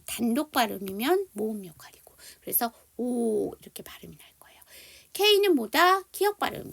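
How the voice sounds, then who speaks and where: A woman's voice: fairly high pitch, gravelly. A woman teaching an online English phonics lesson, explaining spelling and sounds and leading students through repetition drills.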